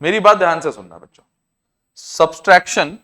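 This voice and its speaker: A man with an Indian accent teaching a maths class, explaining each step slowly and repeating himself. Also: sits high, pushed and bright. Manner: repetitive, explains step by step, often says "I said". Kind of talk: classroom lecture to students.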